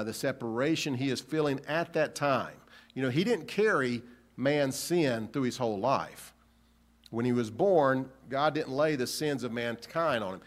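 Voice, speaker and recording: A man preaching a sermon in an earnest, searching way, asking rhetorical questions and often restarting phrases. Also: mid-range voice. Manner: halting restarts.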